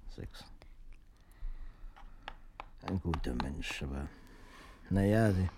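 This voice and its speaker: A gruff, plain-spoken old grandfather in a children's radio play from the early eighties. His low voice rises and falls with lively swings, and the old tape carries a steady hiss. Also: drawn-out words, full character voice. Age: older. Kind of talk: 1980s radio play acting.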